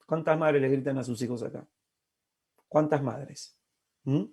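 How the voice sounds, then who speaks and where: A man in his forties from Peru, giving an impassioned preaching talk with slow, emphatic repetitions and sudden soft asides. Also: mid-range voice, gravelly, slightly rough. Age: 40s. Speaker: speaker at a faith-based family talk.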